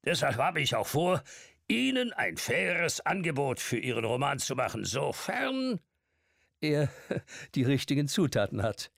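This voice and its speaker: A hearty old man in his nineties, portly and brimming with vitality, as a male narrator puts him on. He is pitched well above the reader's own low voice and talks loud, slow and exuberant, with a gravelly edge. The recording is close and dry. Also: sing-song, no room sound, heavily acted. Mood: jovial. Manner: booming, jovial, shouting over noise.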